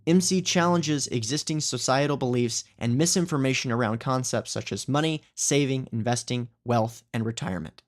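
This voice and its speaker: A man's voice: mid-range voice, moderate pace, few pauses. A man hosting a podcast, introducing the episode and guest earnestly, often saying "you know". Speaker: podcast host.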